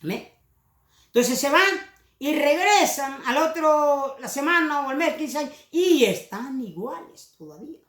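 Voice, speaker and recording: A woman's voice: high voice, animated, a little slow, fairly bright tone, reverberant. A woman preaching a sermon with passion, now and then mimicking other preachers mockingly.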